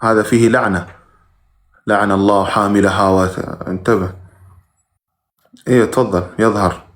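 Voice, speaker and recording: A man's voice: fairly low pitch, fairly even intonation, moderate pace. A man who teaches religion, reading viewers' questions aloud during a live stream and giving brief, plain answers with sudden emphatic rises.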